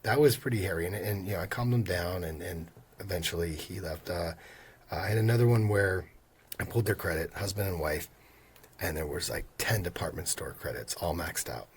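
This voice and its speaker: A man's voice: low voice, a little fast, a little hiss or hum. A man in his fifties, a mortgage lender guest, telling work stories and acting out what customers said. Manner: animated storyteller who acts out quoted customers. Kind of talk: casual storytelling interview.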